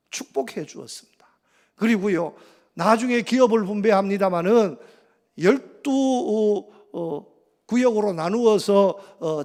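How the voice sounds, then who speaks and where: A man's voice: sits high, creaky, darkish tone. A male pastor preaching a sermon, emphatic, with repeated phrases and rhetorical questions.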